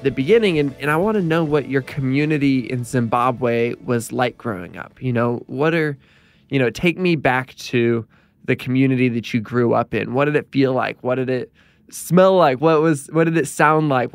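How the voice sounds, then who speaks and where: A man's voice: medium pitch, normal speed. A man hosting a podcast interview, asking curious, open-ended questions. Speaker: podcast host.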